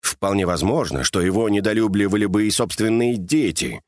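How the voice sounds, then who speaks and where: A man reading a novel aloud as scripted narration, in a measured, wry storytelling manner. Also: on the low side, lively intonation, dry recording, studio quality. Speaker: audiobook narrator.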